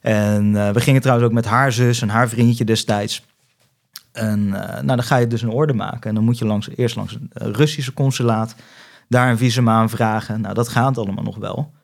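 A man's voice: mid-range voice, fairly even intonation, normal speed, vocal fry. A young man from the Netherlands, a podcast guest, tells a travel story in casual chat and acts out phone calls.

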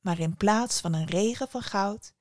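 Female storyteller host, calm and expressive, dry close recording. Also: mid-range voice, a little slow, dry recording. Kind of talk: fairy-tale storytelling.

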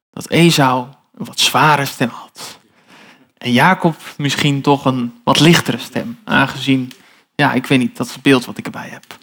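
A man's voice: mid-range voice, fairly bright tone. A man giving a sermon, reading a Bible story aloud and breaking off for chatty comments in a storytelling manner. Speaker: preacher. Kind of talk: sermon, reading scripture aloud with casual asides.

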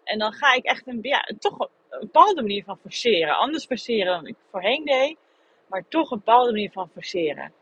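Husky woman in a candid podcast monologue. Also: a little high, sing-song, a little fast, a bit bright. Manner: candid, searching, thinks aloud. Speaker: podcast host. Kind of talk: personal reflective monologue. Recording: dull lo-fi recording.

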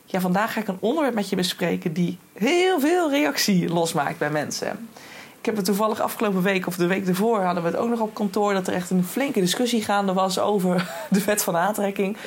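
Young woman rambling on her podcast, husky, lots of ehs and restarts, mid pitch. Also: a little fast. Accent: Dutch. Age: young adult. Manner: chatty, lots of fillers and restarts. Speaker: podcast host. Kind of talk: casual solo podcast talk.

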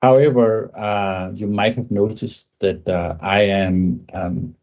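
A Danish-speaking man, a guest on a conversational tech podcast, speaks thoughtfully and often closes points with a tag question. His voice is lowish, steady and slow, and the recording sounds muffled.

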